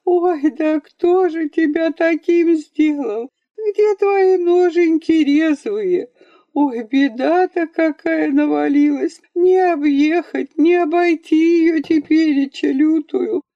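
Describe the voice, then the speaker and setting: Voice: mid-range voice, animated, a little slow, dry recording, highs cut off, pitched above the performer's own voice, close to an everyday voice. A reader voicing a blind old village grandmother who wails and laments in a singsong. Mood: wailing. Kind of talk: audiobook character voice.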